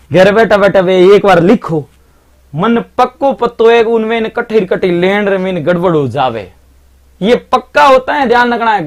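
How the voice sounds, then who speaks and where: Marwari guy teaching grammar live online, kinda high voice, says watch out over and over. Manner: repetitive, chatty, keeps urging students to pay attention.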